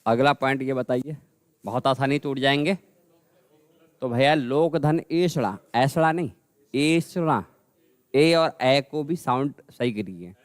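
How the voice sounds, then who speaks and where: Slow-talking grammar teacher, man. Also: mid-range voice, no echo. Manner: slow, repeats words for students, addresses them as bhai. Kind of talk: classroom lesson.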